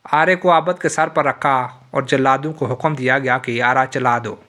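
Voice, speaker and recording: A man narrating a religious moral tale in a solemn, steady storytelling voice. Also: mid-range voice.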